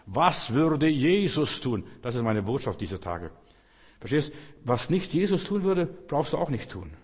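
A man's voice: medium pitch, sing-song, normal speed, mellow, breathy edge. A male preacher giving a sermon, speaking directly to his listeners with rhetorical questions. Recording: long hall reverb.

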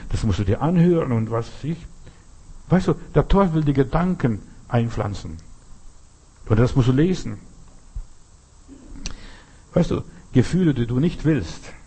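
Husky-voiced male preacher. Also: mid-range voice, a little mellow. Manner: earnest, repetitive, direct address to listeners. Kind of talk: sermon.

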